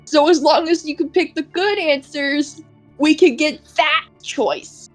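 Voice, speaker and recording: Slow-talking playful woman. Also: high voice, faint music behind, rough recording. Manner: playful, crude banter. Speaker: co-player reading narration.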